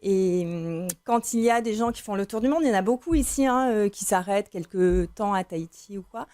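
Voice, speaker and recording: A woman, a mother of three, speaking as a guest in a television interview, lively and talkative with many fillers. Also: mid-range voice, brisk, no echo. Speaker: parent guest.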